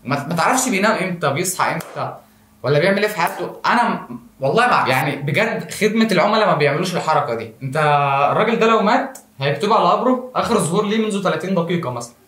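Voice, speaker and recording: Egyptian guy doing a rapid-fire comedy monologue into his phone, echoey room. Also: high-pitched, animated, fairly bright tone. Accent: Egyptian Arabic. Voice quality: jokey, self-mocking asides. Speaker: comedy show host. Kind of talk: comic monologue to camera. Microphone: phone camera. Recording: roomy echo.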